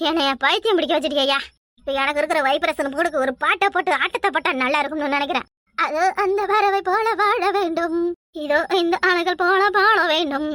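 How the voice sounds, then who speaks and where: A woman voicing a boastful, tipsy old mother-in-law in a cartoon, loud, scolding and sing-song. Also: high-pitched, no echo, clean studio sound. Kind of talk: cartoon voice acting.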